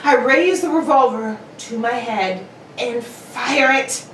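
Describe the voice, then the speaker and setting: A woman's voice: a little high, takes it slowly. A woman playing a brilliant, exacting male detective in an old-time radio drama, with precise, theatrical delivery. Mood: brisk, confident. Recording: echoey room, distant mic, faint noise.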